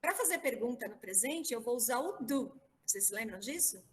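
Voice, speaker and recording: A woman's voice: on the high side, lively intonation, a little fast, big-room sound, a little hiss or hum, low-quality recording. A woman from Brazil teaching English grammar in an online class, patiently spelling words out letter by letter. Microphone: video call.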